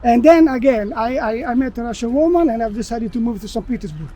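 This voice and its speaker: A man from Italy with an Italian accent, a non-native English speaker, talking as a guest while walking outdoors in a park, often pausing and restarting as he searches for words. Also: extremely high pitch, animated, warm tone. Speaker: guest, expat blogger. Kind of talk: casual interview while walking.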